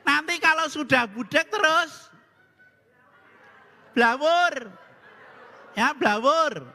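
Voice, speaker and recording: High, bright-voiced priest joking in a reverberant hall. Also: male voice, animated, extremely slow. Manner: jokey storytelling, acting out dialogue. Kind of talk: humorous sermon.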